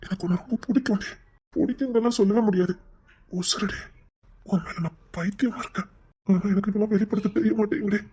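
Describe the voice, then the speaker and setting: Devoted young husband, woman acting, husky, lowish pitch, teasing, pleading. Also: brisk, pauses often. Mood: tender. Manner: teasing, then soft and pleading. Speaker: actor in a romantic couple skit. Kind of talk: acted romantic dialogue.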